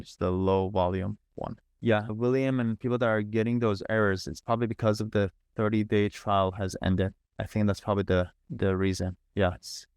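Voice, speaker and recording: Informally talking through setup steps, a man leads a live online training as a screen-share walkthrough on a video call, often repeating himself and thinking out loud. His low-pitched voice is smooth and a little mellow, captured cleanly in the studio with no echo.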